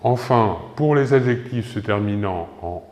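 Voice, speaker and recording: Slow, spelling-out male French teacher. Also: fairly low pitch, expressive, a little mellow. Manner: slow, spells words letter by letter, checks in with ok. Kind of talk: slow grammar lesson. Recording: echoey room with long reverb.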